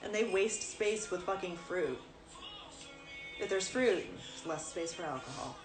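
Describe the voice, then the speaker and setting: A woman's voice: fairly low pitch, animated, measured pace. Young woman chatting on a live stream, blunt and sweary, echoey room, music going behind. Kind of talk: casual chat.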